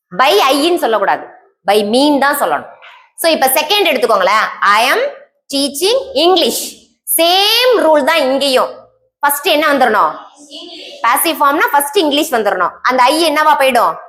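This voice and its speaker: In a classroom grammar lesson, a female English teacher with a Tamil accent quizzes her students, repeats key terms and supplies her own answers. Her voice is high-pitched and a bit bright.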